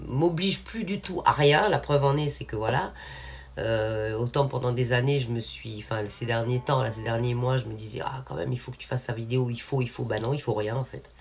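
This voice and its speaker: With an extremely low pitch, a French woman, an independent singer and channel owner, chats frankly to her viewers in a casual update. She rambles through many fillers and restarts, and a faint hiss or hum sits under the recording.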